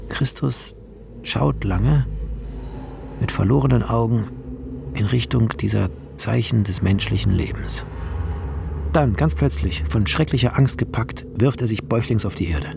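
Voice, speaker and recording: A man with a mid-range voice, unhurried and edged with vocal fry, narrates a radio play by reading film scene directions in clipped, descriptive phrases. This is scripted radio drama narration, with music playing under his voice and a noisy background.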